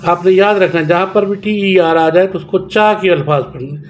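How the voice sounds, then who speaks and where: A man teaching children a homework lesson, slowly dictating and repeating words syllable by syllable. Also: sits high, soft background music.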